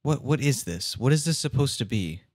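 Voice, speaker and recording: A man's voice: mid-range voice, expressive, moderate pace, a little mellow, no room sound, clean studio sound. A young man streaming, reacting to a video in casual commentary, exasperated and swearing as he rants.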